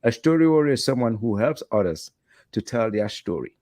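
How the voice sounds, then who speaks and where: Animated middle-aged man hosting a video call. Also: mid-range voice, brisk, no room sound. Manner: animated, playful questioning with rising emphasis. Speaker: host. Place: hotel room while traveling. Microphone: headset with video call, red foam mic.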